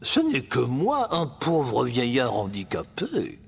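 A man's voice: medium pitch, wildly swooping pitch, takes it slowly, gravelly, slight background noise, exaggerated voice. A man voicing a scheming evil vizier disguised as an old beggar, with a nasal, mean voice in a storybook reading. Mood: wheedling.

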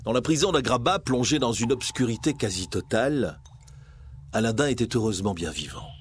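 A man narrating a storybook aloud, animated and expressive, his voice rising and falling freely. He speaks at a middling pitch. A faint background ambience sits under the voice. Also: fairly quick, slight background noise. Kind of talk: storybook reading.

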